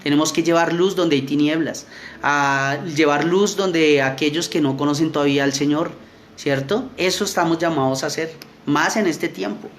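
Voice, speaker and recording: A man's voice: a little high, slight background noise. Earnest man preaching to young people. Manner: reads scripture slowly, often corrects himself, keeps asking "right?". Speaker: youth preacher. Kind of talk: youth sermon with Bible reading. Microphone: streamed to online viewers.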